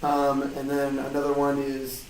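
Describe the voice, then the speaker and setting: A man being interviewed about his job as a game audio designer talks casually, hesitating and halting with loose phrasing. His mid-range voice is delivered completely flat. He's in a small hard-walled co-working office where a distant mic picks up a roomy, metallic flutter echo and faint noise.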